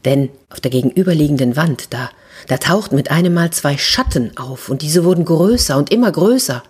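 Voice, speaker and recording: A woman storyteller narrates a children's fairy tale in a low, slightly husky voice. She is expressive and takes slow, dramatic pauses.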